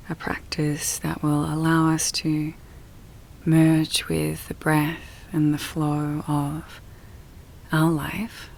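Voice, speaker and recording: A yoga nidra meditation guide leads a relaxation session with a low, soft, breathy voice that often sinks to a near whisper. Her delivery is soothing and filled with long pauses.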